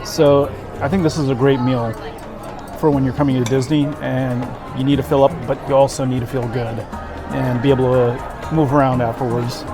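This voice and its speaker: A man's voice: mid-range voice, little pitch movement, moderate pace. A man giving a casual food review to camera, savoring what he eats with delighted approval. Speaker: food vlogger. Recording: background music and crowd chatter.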